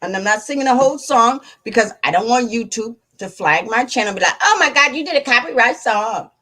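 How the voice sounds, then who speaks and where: A woman's voice: a little high, animated, brisk, bright, forceful tone, far from the mic. A woman hosting her own channel in a loose, tipsy mood, laughing and breaking into song between casual chat. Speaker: channel host. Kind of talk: casual livestream chat with singing.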